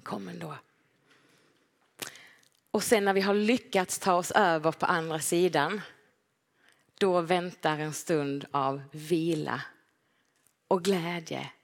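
A woman preaching a gentle, personal sermon in a church, now and then acting out short quoted lines. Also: low voice, steady tone. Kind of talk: conversational sermon. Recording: long hall reverb.

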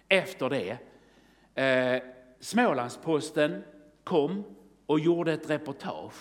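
This sermon comes from a man with a slightly high voice who tells stories with fervor, crying out halleluja and rising into an excited testimony. The sound carries a long reverb, as in a large hall.

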